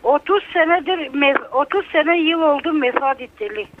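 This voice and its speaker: A woman's voice: sits high, normal speed, slight background noise. An older woman, calling in to a radio show over a landline phone and bitterly airing her grievances. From Bulgaria. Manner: bitter, aggrieved, emotional complaining. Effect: heard over a landline phone. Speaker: radio call-in listener. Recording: narrow tinny phone line.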